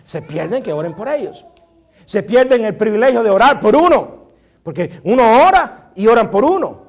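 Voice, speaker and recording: A man preaching a sermon as pastor, stretching key words slowly and moving between hushed asides and loud emphatic lines, with chatty remarks to the congregation. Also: high-pitched, sing-song.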